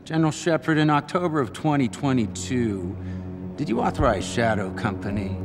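A man's voice: medium pitch, lively intonation, moderate pace, close to an everyday voice. Tough American congressman acted by a man, music behind. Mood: probing. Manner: tough, formal, commanding. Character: stern, probing American congressman chairing a hearing. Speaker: congressional committee chairman.

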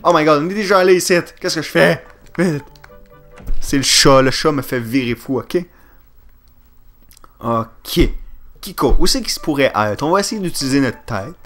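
An excitable Quebec French man commentating a video game, joking and swearing as he plays. His voice sits a little high and jumps around constantly, with faint game music behind him. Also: moderate pace, long pauses. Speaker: let's play gamer. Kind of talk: let's play commentary.

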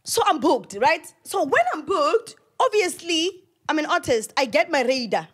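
A South African woman in her early thirties, a podcast guest, chats casually from a sofa in an indoor lounge. Her high voice swings widely in pitch at a moderate pace, and she is emphatic and exclamatory, repeating phrases. She speaks into a handheld microphone.

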